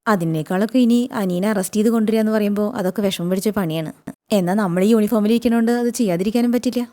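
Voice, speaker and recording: A woman hosting a recap channel, retelling a TV serial episode in a rapid, chatty way and often adding little tag words. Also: mid-range voice, mellow.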